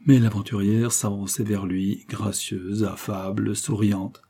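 A man narrating an audiobook of a classic novel in a steady literary manner. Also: on the low side, a little slow, breathy edge. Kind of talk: audiobook reading.

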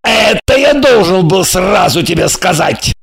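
A woman growling out a gruff domineering male spy chief. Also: mid-range voice, animated, measured pace. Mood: shouting. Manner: barking, lecturing. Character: stern middle-aged male intelligence officer, domineering.

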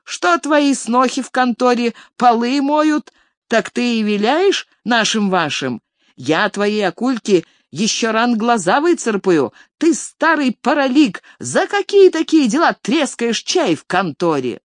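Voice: medium pitch, very animated, measured pace, no room sound, studio quality, voice pushed up. A reader voicing a furious peasant woman who scolds shrilly in an audiobook story.

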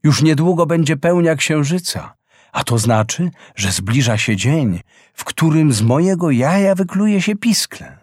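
A man voicing a wise, gentle female frigate bird in a storybook reading, speaking earnestly and slowly. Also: a little high, sing-song, dry recording, studio quality, voice pushed up.

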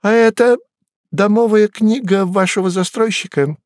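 A sly, fussy demon retainer, as a man voices him in an audiobook, speaking in a high, jaunty, mocking patter. The voice rides well above the reader's own. It sounds dry and close. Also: normal speed, no room sound, natural voice.

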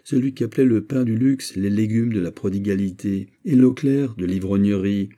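A man's voice: on the low side, normal speed, dark tone, close to an everyday voice. A man voicing a cautious, earnest scholar who raises worried objections in an audiobook. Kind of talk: audiobook character voice.

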